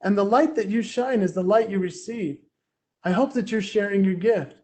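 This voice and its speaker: A man giving a playful, energetic motivational keynote full of personal stories. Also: sits high, normal speed. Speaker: keynote speaker.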